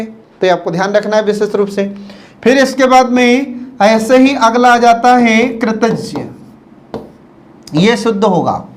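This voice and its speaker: A male teacher with a very high voice, giving a classroom lecture. He draws each word out slowly, repeats it, and keeps asking whether the students follow. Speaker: Hindi teacher.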